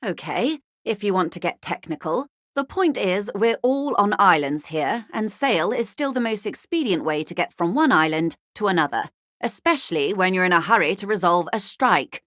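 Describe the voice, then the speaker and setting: In scripted video game dialogue, an actress plays a wealthy, poised company negotiator, using polite, measured, formal phrasing laced with dry irony and a matter-of-fact mood. Her natural, medium-pitched female voice is fairly bright with lively intonation, recorded dry.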